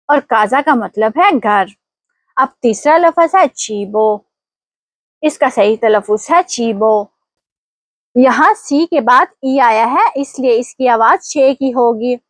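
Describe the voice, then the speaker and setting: A woman teacher giving an online language lesson, explaining pronunciation rules slowly and quizzing her viewers. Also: fairly high pitch, no echo. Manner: slow, deliberate explanations with quiz prompts.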